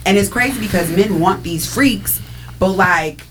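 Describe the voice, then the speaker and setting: A woman's voice: medium pitch, a little slow, a little hiss or hum. A woman talking frankly and at length in a casual group chat.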